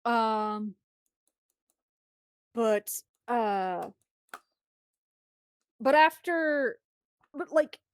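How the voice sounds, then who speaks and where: A woman streamer casually retelling a story, animated and rambling, often restarting her sentences. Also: a little high, drawn-out words, pauses often, clear, resonant tone, no room sound.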